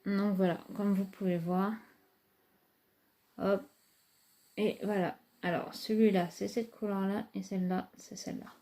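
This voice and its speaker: A woman beauty vlogger casually reviews makeup palettes, enthusiastic about the products yet chatty and hesitant, with many fillers. Her medium-pitched voice has a dark tone and flat delivery, at a measured pace with long pauses.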